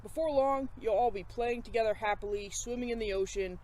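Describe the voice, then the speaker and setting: A woman voicing a gentle but firm mother who coaxes and reasons, in a storybook reading. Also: fairly high pitch, a little fast, natural voice, rough recording. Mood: patient, firm.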